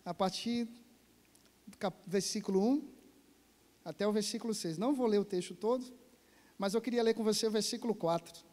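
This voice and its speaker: A man preaching a sermon as pastor, animated and rising to loud exhortation. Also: high voice, moderate pace, long pauses. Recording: church hall reverb.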